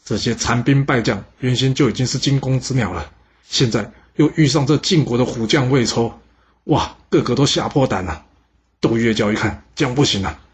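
A man telling a historical story in a lively spoken manner, with fillers. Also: medium pitch.

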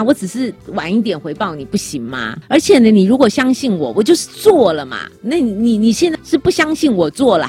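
A woman with a Taiwanese Mandarin accent, co-hosting a chat podcast and telling a personal story in an animated way, acting out the quoted dialogue. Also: medium pitch. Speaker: podcast co-host. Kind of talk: casual chat.

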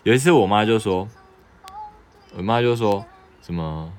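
Low-voiced young man with a Taiwanese accent. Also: animated, measured pace, slight background noise. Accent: Taiwanese Mandarin. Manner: reads chat questions aloud, then answers in a joking, offhand way. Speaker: livestream host answering viewer questions. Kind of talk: casual livestream chat.

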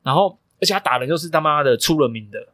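A young man, a coach co-hosting a podcast, tells stories emphatically in casual chat and swears freely. His voice is on the high side, fast and a bit bright with lively intonation, and there's no room sound.

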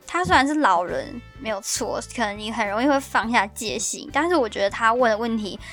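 Young woman, Taiwanese Mandarin accent, animated podcast storytelling, faint music behind. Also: a little high, fairly quick. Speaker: podcast host.

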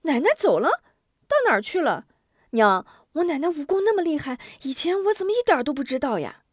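Woman doing a bright-voiced young boy for a storybook, high and quick, tumbling questions. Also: sing-song, no room sound, clean studio sound. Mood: eager. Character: eager young boy, anxious and curious.

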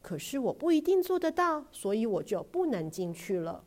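A woman doing a gentle coaxing mother. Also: a little high, very animated, moderate pace. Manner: soft, coaxing, hushed at times.

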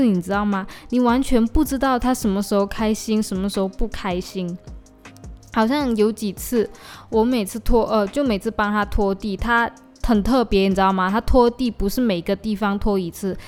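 A woman's voice: mid-range voice, a little mellow. A young woman, venting in casual podcast chat and slipping into English now and then. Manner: venting, weary, drifts into English exclamations. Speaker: podcast host.

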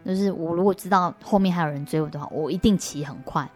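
A woman's voice: on the low side, fast, darkish tone, soft background music. A woman with a Taiwanese Mandarin accent, a guest in an interview, earnestly telling her story of faith with frequent restarts. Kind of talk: personal faith testimony.

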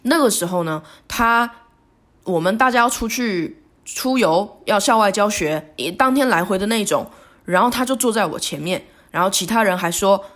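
A woman hosting a solo podcast, talking in a halting, remorseful way with many restarts. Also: medium pitch, expressive, a bit bright. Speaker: podcast host. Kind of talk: reflective solo podcast monologue.

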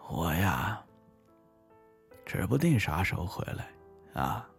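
Guy putting on a fussy old mama goat, hushed and slow, swoopy voice, bit breathy. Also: low voice, sing-song, soft background music, exaggerated voice. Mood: fussing. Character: fussy elderly mother goat.

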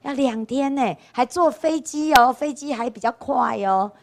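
Woman, Buddhist nun, relaxed storytelling dharma talk, keeps asking "right?". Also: sits high, measured pace, creaky. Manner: chatty, keeps asking rhetorical "right?" questions. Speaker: Buddhist nun lecturing on scripture. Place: temple lecture hall.

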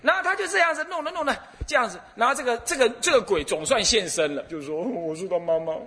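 A man's voice: very high-pitched, fast. A middle-aged man with a Taiwanese Mandarin accent, a Buddhist abbot giving a dharma talk full of stories, laughing and acting out the dialogue. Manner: animated storyteller who laughs and acts out dialogue.

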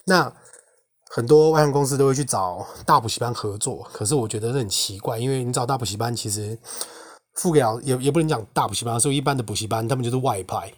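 A young man with a Taiwanese Mandarin accent, hosting a podcast and telling a personal faith story in an indignant, animated way. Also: mid-range voice, fast talker. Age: young adult. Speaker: podcast host. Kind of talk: casual personal testimony monologue.

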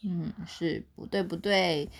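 A young woman with a Taiwanese Mandarin accent reading a picture book aloud to her child at bedtime, in an animated storytelling way. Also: lowish voice, takes it slowly, vocal fry.

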